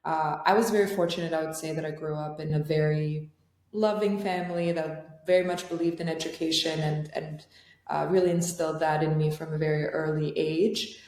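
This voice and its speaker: Low-voiced woman from Albania, reflective. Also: steady tone, brisk, darkish tone. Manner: thoughtful, many fillers and restarts. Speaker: guest, startup founder. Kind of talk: podcast interview.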